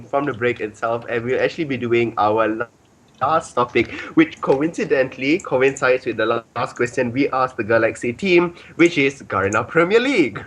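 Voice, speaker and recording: A man's voice: mid-range voice, fairly bright tone, slight background noise. A man hosting a casual podcast, rambling with many ums and filler phrases. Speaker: podcast host.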